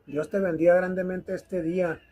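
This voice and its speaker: A man's voice: high voice, level tone, normal speed, mellow, muffled recording. A man preaching a recorded video sermon, fervently exhorting his listeners and repeating phrases for emphasis.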